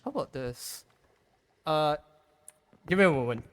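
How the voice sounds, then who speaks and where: A man in in-game voice chat, heard muffled from behind a wall, speaking halting, simple broken English with many fillers. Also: a little high, expressive. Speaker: fellow player on a game server.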